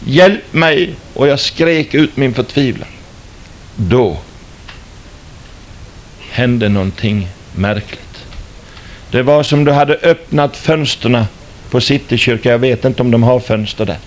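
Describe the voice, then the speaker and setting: A man's voice: mid-range voice, pauses often. An older man, a former stage entertainer, telling his religious testimony as a dramatic storyteller who likes rhetorical questions.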